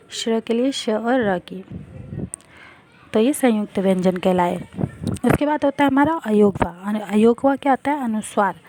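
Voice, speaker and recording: A woman teacher giving a grammar lesson to schoolchildren, explaining slowly and answering her own questions. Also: medium pitch, a little mellow, slight background noise.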